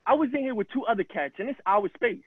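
A man's voice: very high voice, animated, fast talker, husky, no echo, exaggerated voice. A young man acting a tough, confrontational young man with brash street slang, in an amateur videoplay recorded over a video call. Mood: hostile. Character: tough young man claiming a space as his own. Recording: tinny phone-like video call audio.

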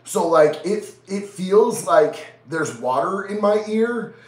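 The recording is low quality, with a distant mic and an echoey room, capturing a man's high, expressive, slightly mellow voice at a slow pace. In his thirties and stuffed up with a nasal head cold, he hosts a casual livestream from a small neon-lit indoor studio, laid-back and slangy as he reads out chat messages.

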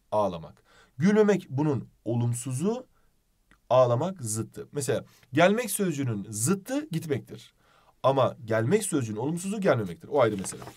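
A man teaching a video lesson, playful and animated, asking questions as he explains. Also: a little high.

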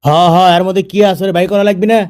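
Man as fast, high-pitched bossy army officer, Bogura accent. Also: little pitch movement, darkish tone, close to an everyday voice. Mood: sarcastic ordering. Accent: Bogura, northern Bangladesh. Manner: scolding, sarcastic. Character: bossy, scolding male army officer, a father. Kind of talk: comedy dubbing in dialect.

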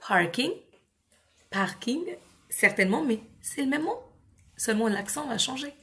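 A woman with a French accent explaining to parents, in a clear and patient way, how to teach English at home, with simple word examples. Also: high-pitched, animated, brisk, sharp tone.

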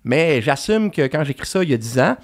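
A man's voice: fairly high pitch, sing-song, brisk. A man with a Québécois French accent, a guest novelist in casual podcast chat, emphatic and swearing casually.

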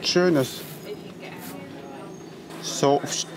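A man's voice: on the high side, very slow, over loud music. Chatty Styrian-accented Austrian man. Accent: Styrian Austrian German. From Austria, near Graz. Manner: chatty, repetitive, exclaims "ein Wahnsinn". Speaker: carpenter. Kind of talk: casual chat, broken simple phrasing to foreigners. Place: streets and underground train in a city.

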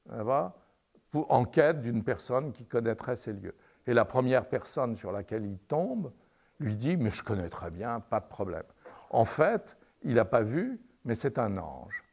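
A male lecturer giving a university lecture over slides. He tells a story in a halting way and keeps adding "n'est-ce pas?". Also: medium pitch, darkish tone. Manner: hesitant, with many "euh" and restarts. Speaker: lecturer in artistic anatomy. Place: lecture room, commenting on projected slides.

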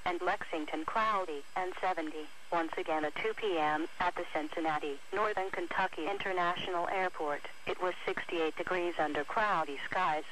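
A woman's voice: lowish voice, fairly even intonation, moderate pace, hardly any pauses, fairly bright tone. A synthetic woman's voice reading a scripted weather bulletin as an automated announcer over the radio. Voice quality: synthetic text-to-speech voice. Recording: noisy weather radio broadcast recording.

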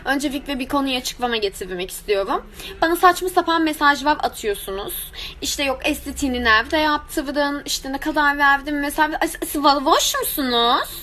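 This social media content creator has a high, pushed, bright voice at a normal speed and a speech impediment that keeps her from pronouncing R and some other letters. She chats with her followers casually and comedically, emphatic, exasperated, and full of slang.

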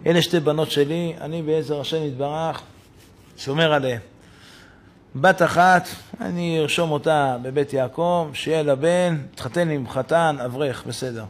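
A man doing an old father, husky, slightly high, plainspoken, rambling. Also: natural voice. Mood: explaining. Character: worried elderly father telling his story.

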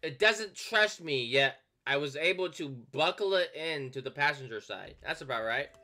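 A man giving joking, casual commentary as he plays a video game, now and then breaking into excited shouts. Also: on the high side, moderate pace. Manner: joking, bursts into shouts while playing. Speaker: gaming YouTuber.

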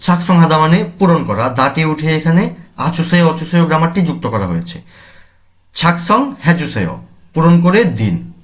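A man's voice: fairly high pitch, big pitch swings, moderate pace. A man teaching a language lesson, reading each word aloud and then explaining its meaning and use. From Bangladesh.

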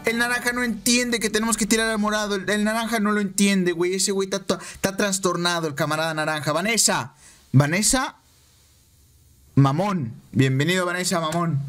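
A Mexican man streaming a game, chatting excitably with viewers and repeating himself. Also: high-pitched, brisk, faint music behind. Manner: excitable, repeats phrases, banters with chat. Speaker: gaming streamer. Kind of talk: casual live-stream chat over gameplay.

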